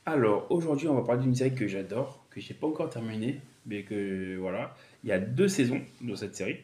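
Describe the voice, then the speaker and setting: A man casually reviewing a television series, talking haltingly with many fillers and self-corrections. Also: mid-range voice, expressive, darkish tone. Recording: echoey room.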